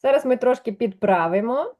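A woman's voice: fairly high pitch, expressive, fairly quick, highs cut off. A woman teaching Spanish in a patient one-on-one lesson, explaining step by step and checking with questions.

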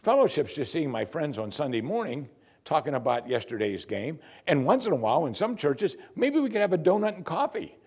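An older man, a pastor, preaching a sermon from the pulpit of a church in a lively, conversational and wry way, on a lapel mic. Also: fairly high pitch, fairly quick, husky.

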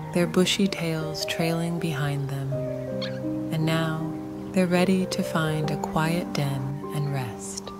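A woman with a low voice tells a calming bedtime story to toddlers, speaking softly and soothingly with long pauses.

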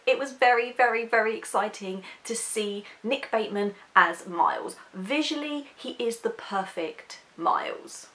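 A woman's voice: a little high, a little slow, hardly any pauses, a bit bright. Woman book vlogger, casual chat to camera, candid and apologetic. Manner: chatty, candid, apologetic asides.

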